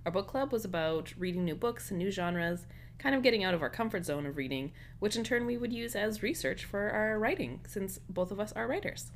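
A woman's voice: medium pitch, expressive, fairly quick, slight background noise. A woman co-hosting a book podcast in casual chat, laughing often and trailing off mid-sentence. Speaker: podcast co-host; writer.

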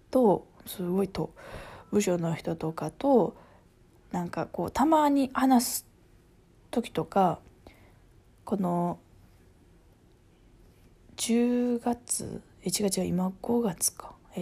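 A woman with a Kansai accent chatting casually as a vlogger, rambling and often dropping to a soft half-whisper. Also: medium pitch, slightly rough. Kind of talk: casual chat.

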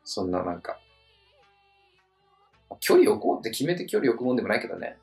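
A man in his thirties talks in a relaxed, drawling way on a casual podcast, with a voice that swings widely in pitch. An echoey room carries faint music behind him. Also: brisk, gravelly. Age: 30s. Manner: laid-back, drawling, with sudden high laughing outbursts. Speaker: podcast co-host. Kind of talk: casual chat.

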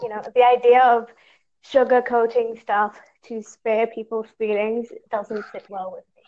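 A woman's voice: on the high side, little pitch movement, unhurried, a little mellow. A woman with a Zimbabwean accent, chatting casually in a frank, lightly amused way. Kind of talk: casual chat. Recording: dull lo-fi app call audio.

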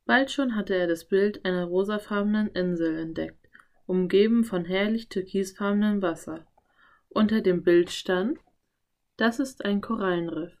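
Woman narrator, children's audiobook, calm and clear, middle pitch. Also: normal speed.

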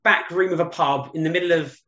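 A man's voice: on the high side, steady tone, fast talker, sharp tone. A man in his late thirties hosting a casual chat, enthusiastic and reminiscing. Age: 30s. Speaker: podcast host. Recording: echoey, dull lo-fi sound.

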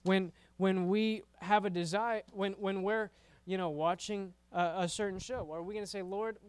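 A man's voice: sits high, fairly even intonation, normal speed, smooth, no room sound. A man preaching to a youth group in a casual, conversational way, often repeating words and checking in with "right?". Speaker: youth pastor.

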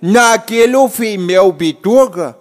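Man doing a folksy old backcountry cowboy, high voice. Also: takes it slowly, soft background music. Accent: rural Minas Gerais Portuguese. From northern Minas Gerais, Brazil. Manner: folksy drawling, lively pitch swings. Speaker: storyteller. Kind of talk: comic rural tall tale.

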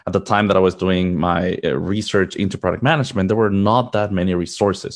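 Low-voiced upbeat man from Mexico. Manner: earnest, upbeat, with frequent fillers and restarts. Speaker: guest, product manager. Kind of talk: conversational interview answers.

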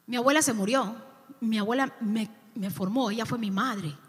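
A woman's voice: on the high side, moderate pace, in a large hall. A woman, a youth pastor preaching a sermon in a church, with impassioned, emphatic repetitions.

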